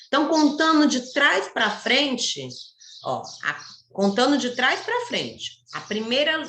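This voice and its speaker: A woman teacher with a Brazilian Portuguese accent, slowly explaining a lesson to children step by step. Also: mid-range voice, pushed and bright, echoey room. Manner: slow, careful, explains step by step.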